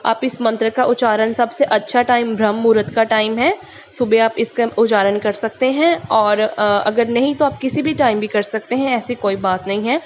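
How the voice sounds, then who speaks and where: A young woman hosting her own channel, talking in a relaxed, chatty way about a mantra, with lots of casual English fillers. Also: fairly high pitch, normal speed. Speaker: tarot channel host. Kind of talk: casual spiritual talk. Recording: muffled lo-fi recording with faint hiss.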